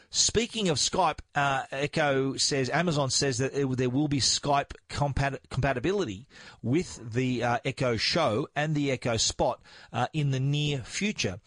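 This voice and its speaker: An Australian man hosts a tech podcast in a loose, chatty way, often restarting his sentences and filling pauses. His voice sits at an ordinary middle pitch. The recording is dry and close, with no room sound. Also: dry recording. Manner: chatty, lots of restarts and fillers. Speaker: podcast host. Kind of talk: casual podcast talk.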